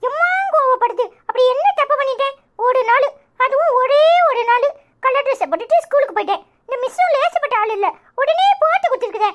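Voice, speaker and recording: Type: cartoon. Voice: very high-pitched chatterbox schoolgirl with a Tirunelveli accent. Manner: whiny, pleading, nonstop. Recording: noisy. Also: expressive, fast talker. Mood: grumbling. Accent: Tirunelveli Tamil. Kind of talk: cartoon voice acting.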